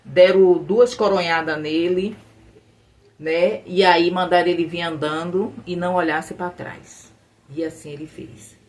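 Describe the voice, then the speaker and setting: A woman's voice: on the low side, fairly even intonation, unhurried, darkish tone. A middle-aged woman telling a religious testimony in an earnest storytelling way, often repeating phrases and quoting her own prayers. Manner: earnest, repetitive retelling with quoted prayers. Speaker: testimony speaker.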